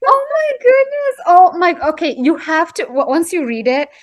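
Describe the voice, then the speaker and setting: A woman hosting an interview show over a video call, effusive and quick to exclaim. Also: extremely high pitch, very animated. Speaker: host.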